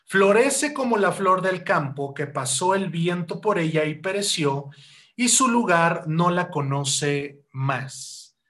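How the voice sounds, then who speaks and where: High-pitched guy preaching, keeps asking the brothers questions, gets loud then slows way down to explain. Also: animated. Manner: rhetorical questions, keeps calling hearers "hermanos"; loud rising bursts, slow deliberate stretches when defining. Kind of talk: sermon teaching.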